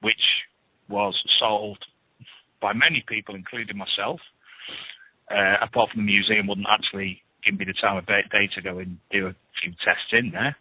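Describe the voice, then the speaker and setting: A man's voice: on the low side, steady tone, normal speed, husky, no room sound. A man hosting a radio show, reading paranormal news with chatty, scoffing asides. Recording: phone-like lo-fi radio, dry.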